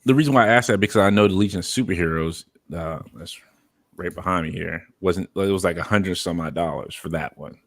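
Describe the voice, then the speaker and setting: A man's voice: sits low, fairly quick, no room sound, studio quality. A man in his thirties hosting a casual podcast chat, joking around and reading viewer comments aloud. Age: 30s. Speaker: podcast host.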